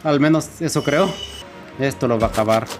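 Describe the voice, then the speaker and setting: A man's voice: mid-range voice, normal speed. A man hosting a let's play, giving casual, chatty commentary and reading game dialogue aloud. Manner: casual and chatty, signs off informally. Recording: loud game music underneath.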